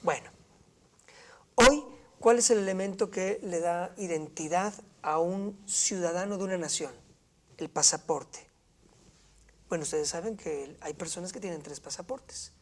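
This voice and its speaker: Female panelist, lowish and measured. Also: a little mellow. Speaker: academic panelist. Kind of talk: panel discussion.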